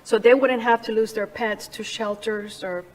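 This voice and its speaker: A woman's voice: fairly high pitch, steady tone, normal speed, low-quality recording. A middle-aged woman from Cuba speaks as a guest in an interview. She tells her story earnestly and with passion. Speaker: guest, charity founder. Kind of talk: interview conversation.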